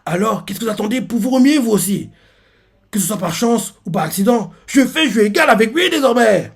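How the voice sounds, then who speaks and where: A man voicing a bitter, boastful adult male clown pirate with a high, indignant, shouted delivery. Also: animated, brisk, vocal fry, husky, exaggerated voice.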